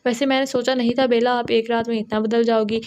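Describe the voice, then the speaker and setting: Audio novel: teasing, mischievous young man, read by a woman with a slightly high voice. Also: level tone, fast, darkish tone, lightly acted. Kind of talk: audio novel character reading.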